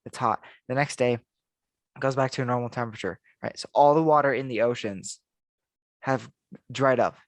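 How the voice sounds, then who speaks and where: A man's voice: medium pitch, moderate pace, pauses often, dry recording. A man co-hosting a casual podcast, musing aloud and often restarting his sentences. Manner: rambling, thinks aloud with restarts. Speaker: podcast co-host. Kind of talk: casual chat.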